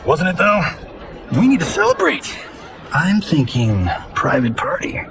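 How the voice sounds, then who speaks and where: An actor playing a cocky, wisecracking action movie star in a cinematic video game, flippant and showy. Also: male voice, on the high side, big pitch swings, a little slow, background noise. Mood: excited, pleased.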